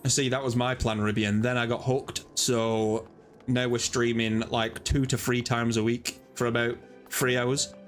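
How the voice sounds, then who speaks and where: A man's voice: medium pitch, level tone, moderate pace, faint music behind. A man live-streaming a game, chatting casually in a rambling, self-deprecating way.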